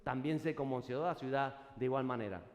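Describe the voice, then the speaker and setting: A man preaching a sermon to his congregation, now and then breaking into loud shouted acclamations. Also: medium pitch, a little fast. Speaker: pastor. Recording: echoey hall, long reverb.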